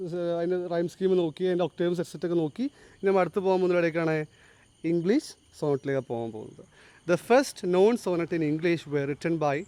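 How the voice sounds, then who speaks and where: A male teacher giving a classroom lecture, explaining step by step, quizzing his students and reading English lines slowly and deliberately. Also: high voice, mellow, no room sound. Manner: explains, then asks the class to answer.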